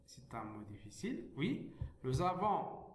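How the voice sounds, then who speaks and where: A man teaching French reading, reading slowly, breaking words into syllables and repeating them. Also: mid-range voice, sing-song. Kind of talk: slow reading lesson. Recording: echoey room.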